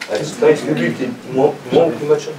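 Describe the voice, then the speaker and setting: A man's voice: fairly high pitch, steady tone, quick pace. A man asks the guest a question in a classroom. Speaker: student asking a question. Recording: echoey classroom, far mic, crowd.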